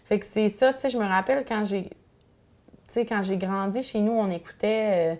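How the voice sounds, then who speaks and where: A young adult woman singer with a Quebec French accent, though English is her first language, chats casually in an interview. She's talkative, full of fillers and restarts, and her mid-range voice moves at normal speed with a darkish tone.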